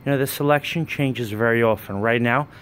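A man walks a warehouse with his phone, pitching his stock in a plain, steady way and naming items one after another. His voice sits at an ordinary middle pitch. A faint background hum runs under the recording. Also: a little fast. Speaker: wholesale business owner. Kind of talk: walkthrough sales pitch. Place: indoor warehouse with dress racks. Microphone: handheld phone camera, speaker off screen.

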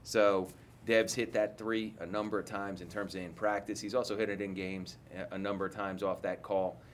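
Seated at a table microphone in an indoor press room, a man in his forties who is a head coach offers frank, meandering post-game answers full of restarts. He speaks at a moderate pace in a fairly low voice with little pitch movement, against slight background noise.

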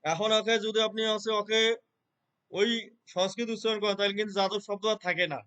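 Earnest man with a high-ish voice. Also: fairly even intonation, a bit bright, clean tone. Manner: earnest, repeats filler words, chants verses rapidly in recitation. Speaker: Gita reciter. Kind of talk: conversational interview answers.

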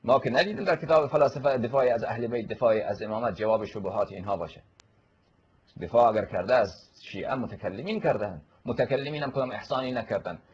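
A male cleric giving a forceful, polemical religious lecture, answering a questioner and quoting Arabic scripture. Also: medium pitch, slightly rough, dull audio.

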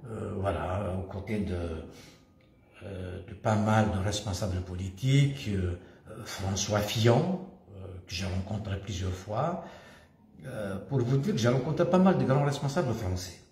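An older Kabyle Algerian man, once a community association leader, gives a casual personal monologue to camera at home, in a room with a stone wall and staircase. His voice is slow, halting and hesitant with frequent pauses, on the low side and a little mellow. The room is echoey.

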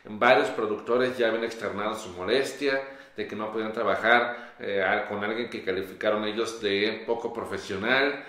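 A young man co-hosting a gossip show, explaining in a measured way with "eh" fillers in a small studio. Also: on the low side, steady tone, sharp tone. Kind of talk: casual gossip chat. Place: small studio on a pink sofa. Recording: roomy echo.

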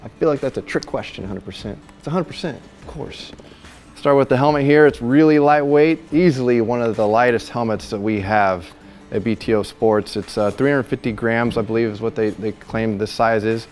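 Faint music plays behind this store product reviewer, a man in his thirties with a medium-pitched, darkish voice and moderate pace. Wearing a lapel mic in a big indoor warehouse, he walks through products in a chatty, jokey way, laughing at his own slips.

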